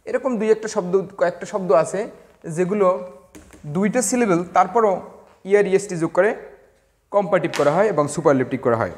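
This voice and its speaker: A man with a rather high-pitched voice gives a classroom grammar lesson. He talks slowly and deliberately, with small hesitations, and spells words out letter by letter for his students. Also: animated. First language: Bengali. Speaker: English teacher.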